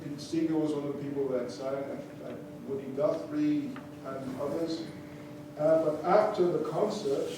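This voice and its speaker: A man with a slightly high voice speaks to a live concert audience between songs, recounting his life in a chatty way with fillers and restarts. The distant, echoey hall recording has background noise and audience ambience.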